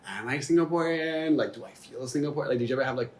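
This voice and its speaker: A man's voice: mid-range voice, darkish tone, slight background noise, rough recording. A young man hosting a casual chat at a dining table at home, asking questions. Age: young adult. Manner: quick questions, laughs along. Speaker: host. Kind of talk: casual interview.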